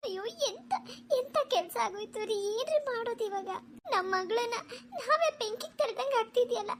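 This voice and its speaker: A woman's voice: extremely high pitch, lively intonation, normal speed, background noise. Bharati, a woman voicing a weepy fretting mother. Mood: fretful. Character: worried, tearful middle-aged mother Bharati. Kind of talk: cartoon voice acting.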